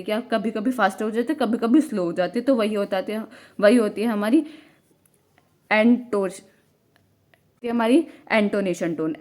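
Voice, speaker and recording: A woman teacher giving an exam-prep lecture, reading English notes slowly and then explaining them in Hindi with many rhetorical questions. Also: medium pitch. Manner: frequent rhetorical questions and fillers.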